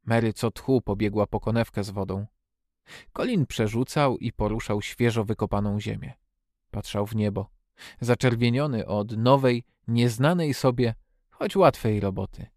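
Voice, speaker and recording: A man narrating a storybook in a steady, measured reading voice. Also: on the low side, no echo, studio quality. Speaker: audiobook narrator.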